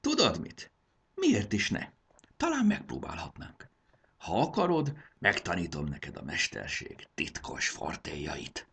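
Kindly train conductor, storybook figure, middle-aged man, read by a man, husky, lively. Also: low voice, exaggerated voice. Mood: eager.

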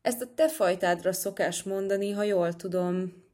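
A woman voicing a touchy young male tomcat who flares up quickly. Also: mid-range voice, a little mellow, close to an everyday voice. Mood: indignant. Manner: quick to anger.

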